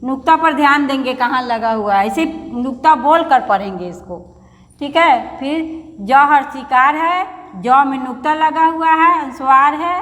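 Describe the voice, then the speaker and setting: A woman Hindi teacher with a Bihari accent, slowly and patiently explaining a lesson to young children. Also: high voice, a bit bright. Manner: patient, slow explaining, calls pupils "beta". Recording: long hall reverb.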